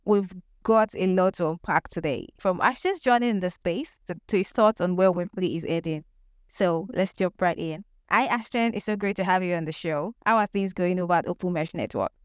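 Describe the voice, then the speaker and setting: Smooth-voiced upbeat woman podcast host. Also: fairly low pitch, moderate pace, no room sound, studio quality. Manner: upbeat and enthusiastic. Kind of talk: scripted podcast intro and interview.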